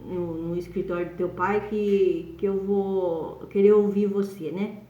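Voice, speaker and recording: A woman's voice: medium pitch, fairly even intonation, a little slow, warm tone, close to an everyday voice. A woman voicing a stern rural police chief who questions a suspect. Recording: dull echoey room.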